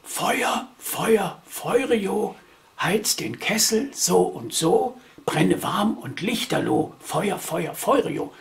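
A man voicing a small, clever, green-haired storybook creature in a whispered role-play, hushed and secretive. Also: sits high, expressive, takes it slowly, voice pushed up, full character voice. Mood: secretive, chanting.

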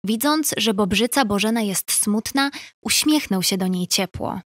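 A woman narrating a scripted children's tale in a gentle, even storytelling manner. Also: mid-range voice, measured pace, no room sound, studio quality.

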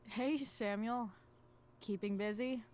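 A woman's voice: fairly high pitch, fairly even intonation, takes it slowly, darkish tone, far from the mic. A woman playing a rebellious teenage girl in a video game, dry, sarcastic and slangy. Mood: guarded, casual. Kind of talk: video game dialogue and inner monologue.

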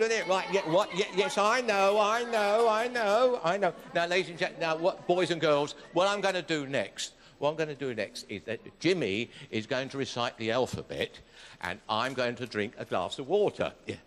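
An older man doing flustered, halting, repetitive ventriloquist patter for children on stage. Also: high-pitched, a bit bright, a faint crowd. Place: large indoor studio stage with audience. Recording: echoey stage hall with background noise.

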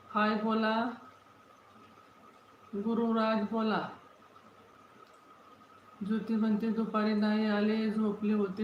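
A woman's voice: on the high side, a little hiss or hum. A woman hosting a casual livestream, chatting and reading viewer comments, greeting people by name and repeating her questions. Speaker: livestream host. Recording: roomy, dull lo-fi phone audio.

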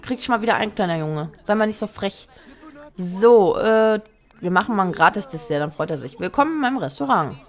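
A woman's voice: medium pitch, normal speed. A chatty woman talks through a life-sim game at a desk microphone. She reads menu options aloud and mutters teasing asides at the characters. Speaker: let's play host. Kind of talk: casual game commentary.

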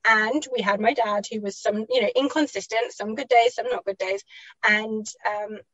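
A woman's voice: medium pitch, fairly even intonation, moderate pace, a bit bright, no echo, lo-fi sound. A woman guest telling personal parenting stories in a chatty, reflective way, laughing often and correcting herself as she goes.

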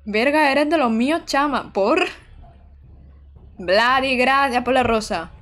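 A young woman from Almería, streaming a game live and chatting excitedly with her viewers. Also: high voice, takes it slowly. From Almería, Andalusia, Spain. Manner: chatty and excitable, talks to chat, exclaims often. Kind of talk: live-streamed gameplay commentary.

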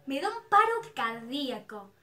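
A woman telling a giddy, animated story to her camera. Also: high-pitched, moderate pace. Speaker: vlogger. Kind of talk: storytime about a dream.

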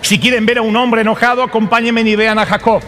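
A man preaching, retelling a story with humor, animated and full of asides to the audience. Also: very high voice, quick pace. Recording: long hall reverb, live sermon.

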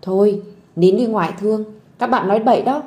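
A woman's voice: medium pitch, a little fast, warm tone, lightly acted. A woman voicing a tender, doting grandmother comforting a child, in a storybook audio drama. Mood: soothing. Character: tender old grandmother, soothing.

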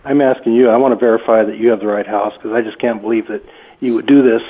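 Heard through a tinny narrowband phone line, a homeowner being pranked fires off firm, disbelieving questions. His voice is husky and fairly low with fairly even intonation, and he talks fast.

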